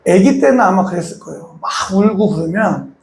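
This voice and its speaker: A man's voice: high voice, expressive, fairly quick, a little mellow, echoey room. A male pastor preaching a sermon, throwing rhetorical questions to his congregation and acting out voices.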